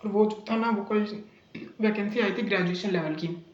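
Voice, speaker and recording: A young man with a high-pitched voice tells a casual vlog story about a bad coaching experience, chatty and indignant, with lots of fillers and restarts. He speaks at a moderate pace in a reverberant, lo-fi recording.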